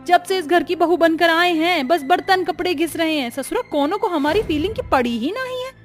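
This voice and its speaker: A woman voicing a scheming young bride with a Bhojpuri-tinged accent and shrill, theatrical wailing. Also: moderate pace, soft background music. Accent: Bhojpuri-tinged Hindi.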